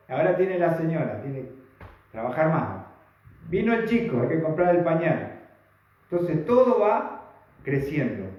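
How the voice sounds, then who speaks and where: Rioplatense preacher in an echoey hall. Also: male voice, fairly high pitch. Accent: Rioplatense Spanish. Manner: folksy, conversational preaching with rhetorical questions. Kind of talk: sermon. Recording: very echoey, dull sound.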